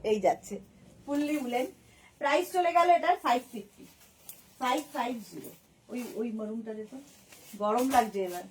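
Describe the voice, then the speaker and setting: Woman, high bright voice, chatty live-sale host, rattles off sizes and prices, teasing. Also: moderate pace, long pauses, a little hiss or hum, rough recording. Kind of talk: casual live-selling stream.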